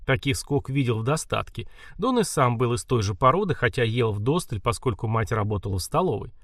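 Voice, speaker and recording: A man reading an audiobook aloud in expressive scripted narration. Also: mid-range voice, fairly quick, no room sound, clean studio sound.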